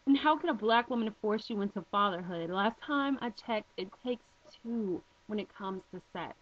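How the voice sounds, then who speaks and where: A woman's voice: mid-range voice, lively intonation, normal speed. A woman vlogging a direct-to-camera response, blunt and emphatic, posing pointed rhetorical questions. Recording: dull lo-fi home video audio.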